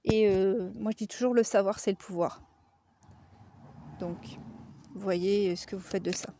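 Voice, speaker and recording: A woman's voice: mid-range voice, steady tone, unhurried, warm tone, slight background noise. A woman with a Lorraine French accent giving a casual oracle card reading, chatty and frank, with frequent fillers.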